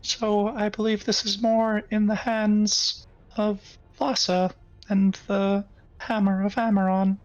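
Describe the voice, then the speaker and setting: A man voicing a polite, measured female adventurer through a voice changer that raises his pitch, with formal, careful phrasing. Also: flat delivery, dry recording, soft background music. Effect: voice changer raising the pitch to a woman's. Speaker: player. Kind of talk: in-character tabletop roleplay. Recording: dull, dry voice-changer sound.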